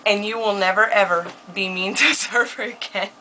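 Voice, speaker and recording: A young woman vlogging in a casual chat, animated and laughing often, and quick to curse. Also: medium pitch, slight background noise, low-quality recording. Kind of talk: casual chat, swearing freely.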